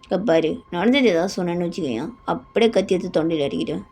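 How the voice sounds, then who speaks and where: A woman's voice: on the low side, fast talker, a little mellow, slight background noise, lightly acted. A woman voicing a menacing young man who wants revenge, speaking in threats and mockery. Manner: threatening, mocking.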